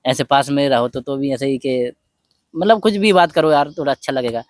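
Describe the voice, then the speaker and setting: A man talking softly and from the heart in a personal vlog, telling a story at an unhurried pace. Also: medium pitch, no echo. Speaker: vlogger. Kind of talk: personal reflective talk.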